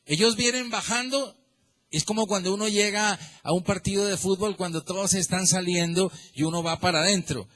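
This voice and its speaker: A man with a Colombian accent preaching a sermon as pastor, lively, calling on listeners by name and asking them questions. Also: high-pitched, normal speed. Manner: animated, addresses listeners by name, asks rhetorical questions.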